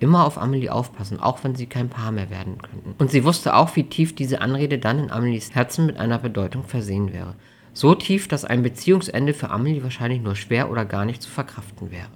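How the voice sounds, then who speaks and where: An audiobook narrator telling a story in an even, measured voice. The reading is plain and steady, with a voice of middling pitch. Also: slightly rough.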